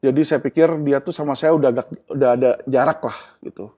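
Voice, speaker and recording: A man's voice: mid-range voice, fairly even intonation, quick pace, breathy edge. A man answering questions in an interview, earnest and explaining things with everyday examples. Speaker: interview guest. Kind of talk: candid interview talk. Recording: dull lo-fi sound.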